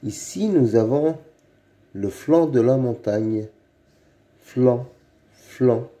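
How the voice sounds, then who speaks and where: A man giving a slow phonics reading lesson for young children, saying each word several times over. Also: mid-range voice, expressive, warm tone. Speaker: reading teacher.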